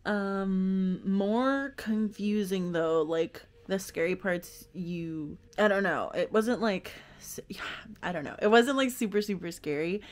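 A woman's voice: medium pitch, slow pace. Young woman, casual home vlogger, rambling and self-deprecating, laughs a lot. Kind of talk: casual vlog chat.

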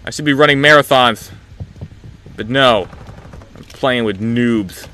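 A young man streaming a shooter game in a small room at home, joking with chat and breaking into sudden shouts, talking into a headset mic. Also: mid-range voice, unhurried. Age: young adult. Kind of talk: casual live-stream chat while gaming. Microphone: headset, seen on webcam.

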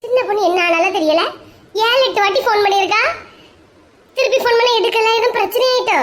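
A brash, scolding woman with a Kanyakumari Tamil accent, acting out a comic family skit in a very high, shrill voice. She talks in a lively, teasing, chiding way. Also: fast, background noise. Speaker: comedy skit creator.

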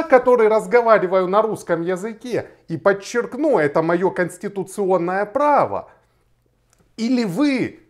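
Speaking straight to the camera in a small room with a plain wall, this animated Kharkiv lawyer and blogger, a man in his thirties, makes a video reply. His voice is high, and he argues emphatically while gesturing.

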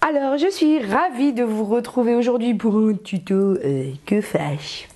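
A woman's voice: a little high, expressive, normal speed, warm tone, slight background noise. A woman vlogger giving a casual hair tutorial, chatty and rambling, hamming it up with a comic put-on accent. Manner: playful, putting on a comic accent; rambling, chatty asides to the viewer. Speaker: beauty vlogger.

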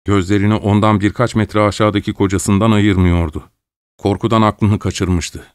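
A man reading an audiobook in a measured, dramatic storytelling manner. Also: lowish voice, level tone, smooth, no echo, clean studio sound. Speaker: audiobook narrator. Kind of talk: scripted audiobook narration.

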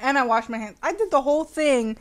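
A young woman telling a story in a casual vlog chat, animated and laughing between lines. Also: high-pitched, fairly quick. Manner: animated, laughing, sassy retelling. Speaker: vlogger.

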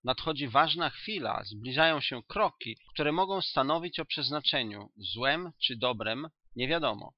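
A cool, self-assured detective lays out his reasoning in a measured, slightly raised voice, as a male audiobook reader plays him. His tone is confident with a dry, ironic edge. The sound is dull and dry, recorded close with no room. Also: medium pitch, expressive, dry recording, natural voice.

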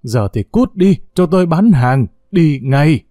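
A man reading a story aloud puts on the voice of a harsh, contemptuous middle-aged mother who is scolding. The voice is dark and mellow yet fairly high in pitch, expressive, and measured in pace. The recording is close and dry, with no echo.

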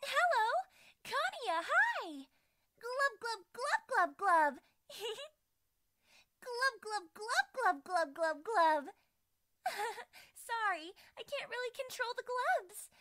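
A woman's voice: very high voice, sing-song, takes it slowly, sharp tone, no echo, studio quality, full character voice. A woman voicing a bubbly young sea-dwelling girl who giggles and makes glubbing noises. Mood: excited.

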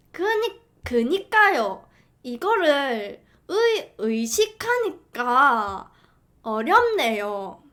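A woman streamer with a high voice chats casually to her viewers. She swoops up and down in pitch as she talks, slow and halting, stumbling and repeating words as she works through a dialect. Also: a bit bright. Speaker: live streamer. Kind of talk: casual live-stream chat.

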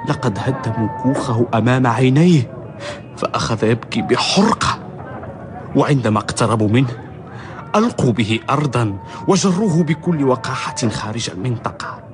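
An actor playing a righteous humble barber in a historical radio drama, declaiming formal Arabic with passion. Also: male voice, medium pitch, animated, moderate pace, close to an everyday voice. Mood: indignant. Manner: impassioned, declaiming.

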